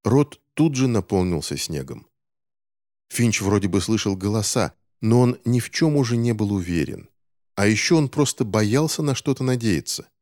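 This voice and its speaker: A man reading a novel aloud in measured scripted narration. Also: lowish voice, animated, a little mellow, no room sound, clean studio sound. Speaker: audiobook narrator.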